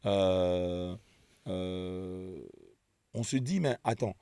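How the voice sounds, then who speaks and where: A man hosting a radio interview, animated and excitable, who stammers his way into his questions. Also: sits low, very slow, smooth, dry recording. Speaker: radio host. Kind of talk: conversational interview.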